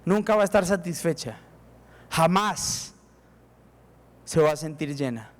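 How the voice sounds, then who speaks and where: A Colombian-accented pastor preaches in an unhurried, expressive way, emphatically acting out prayers to God. His voice is fairly high, and the hall is reverberant.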